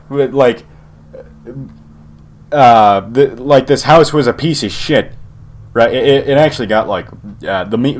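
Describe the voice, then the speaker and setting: A man's voice: mid-range voice, darkish tone. Rambling, profane young man. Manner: rambling, heavy swearing, frequent chuckles. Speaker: channel host. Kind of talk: casual storytelling.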